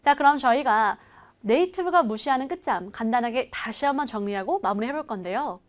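Here she coaches an online English class, pausing to speak slowly so viewers can copy every phrase. She sounds expressive, with a fairly high pitch.

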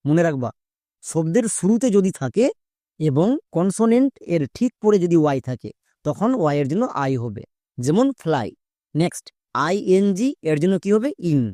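Mellow-voiced teacher drilling spelling rules. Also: medium pitch, dry recording, clean studio sound. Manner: spells out sounds step by step and checks in with quick questions; repetitive, patient explaining. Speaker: English pronunciation teacher. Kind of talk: spoken spelling lesson.

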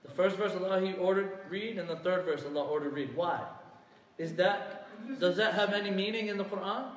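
A man teaching a religious lesson to a class, quizzing his students often and reciting Arabic verses quickly. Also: high voice, a little hiss or hum. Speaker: Islamic teacher. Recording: echoey hall from far off.

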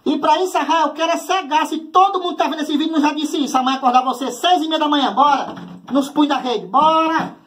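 A man with a Ceará accent telling comic stories to the viewers in a brisk, teasing way. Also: very high-pitched, steady tone, fairly bright tone. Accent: Ceará Brazilian. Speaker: comedian. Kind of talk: comedic storytelling to camera.

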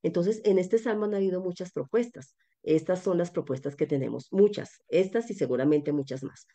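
A woman's voice: fairly low pitch, brisk, mellow. A woman giving an online lecture on biblical poetry, explaining step by step with frequent hesitations and restarts. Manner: explanatory, methodical, with many fillers and restarts. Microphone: webinar call microphone.

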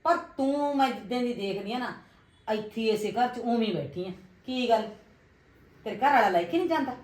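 A woman plays a meddlesome village aunt, bossy and coaxing as she stirs up trouble. Her voice sits fairly high. It rings in a roomy, echoey space. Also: expressive, fairly quick, a little mellow, lightly acted. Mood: nosy. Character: scheming gossiping aunt, meddlesome older woman. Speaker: aunt (chachi) giving advice. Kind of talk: village family drama acting.

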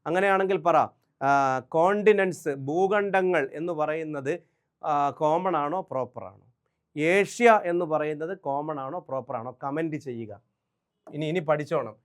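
Man with a somewhat high voice, leading an emphatic exam-prep grammar lesson. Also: normal speed. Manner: quizzing, answers own questions, emphatic. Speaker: English grammar teacher.

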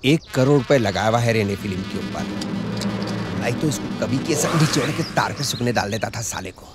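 An actor with a Hyderabadi accent playing a scheming, sarcastic small-time film director who flatters and bosses people. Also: male voice, medium pitch, a little fast, natural voice. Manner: wheedling, sarcastic, excitable. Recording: film soundtrack with loud background music.

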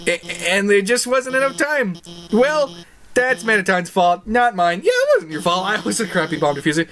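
Excitable woman gaming commentator. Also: mid-range voice, normal speed. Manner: excitable, jokey, laughs often, yelps. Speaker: let's play gamer.

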